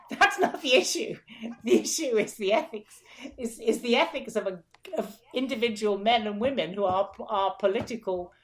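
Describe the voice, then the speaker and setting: A mid-range voice belongs to an older woman with grandchildren who is a guest in an interview. She answers forthrightly and emphatically, often repeating herself as she thinks aloud.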